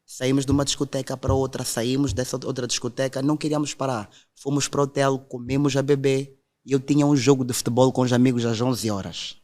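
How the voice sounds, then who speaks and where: A man's voice: mid-range voice, steady tone, fast, hardly any pauses, darkish tone. Young guy w/ telling his faith story, earnest, quotes people word for word. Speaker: guest telling his testimony. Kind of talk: emotional testimony in conversation.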